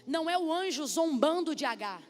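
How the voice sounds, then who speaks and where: Brazilian female preacher, very high pitch, lively sermon delivery in a reverberant church. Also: brisk. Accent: Brazilian Portuguese. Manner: animated, calls out to the congregation. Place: church hall. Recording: echoey hall with faint music.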